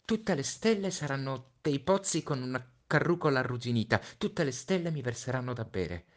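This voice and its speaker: A man reading a storybook voices the Little Prince, a gentle, earnest small boy, in a raised, pleading childlike voice. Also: mid-range voice, lively intonation, normal speed, voice pushed up, close to an everyday voice. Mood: wistful.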